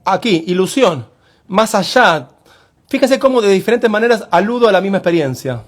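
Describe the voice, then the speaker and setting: High, lively-voiced male poetry teacher. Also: moderate pace. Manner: explains step by step, often calling on listeners to look closely. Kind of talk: explanatory lesson on a poem.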